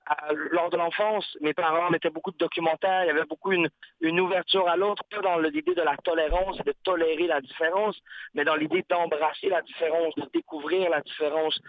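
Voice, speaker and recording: A guest artist who raps and paints speaks in a casual interview with a fairly high, steady voice at a brisk pace. He is reflective, searching for words and often restarting, over a dry, tinny, phone-like line.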